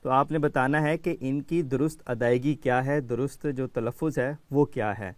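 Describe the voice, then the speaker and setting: Man, children's show host, teaching quiz, patient, clear resonant voice, dry close sound. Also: mid-range voice, dry recording. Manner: patient, calls on children by name.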